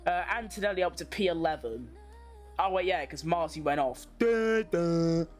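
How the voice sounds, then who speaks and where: Soft background music accompanies a woman's fairly low voice, lively in intonation and at normal speed. As a watchalong host, she offers casual live commentary on motorsport, slangy and informal, as if musing aloud.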